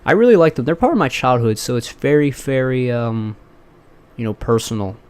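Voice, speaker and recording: Casting: early-twenties male podcast host, loose and rambling, casual swearing, middling pitch. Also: lively intonation, brisk, clean tone. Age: 20s. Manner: rambling, profane, many fillers and restarts. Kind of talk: casual chat.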